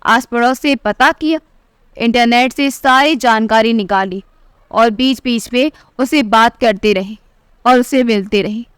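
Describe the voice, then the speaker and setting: A woman narrating a family story in the first person as a storyteller, reading every character's lines in her own voice and lifting her pitch for the quoted speech. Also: a little slow, a bit bright, clean tone, no echo, studio quality. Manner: reads all the dialogue in one voice, pitch rising for quoted lines.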